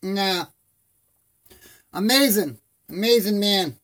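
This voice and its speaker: Speaking slowly in a high, fairly bright voice, this man runs a relaxed live stream, wandering from topic to topic in a friendly manner and addressing viewers as buddy. With no teeth, his lips close over his gums, leaving his words slightly slurred.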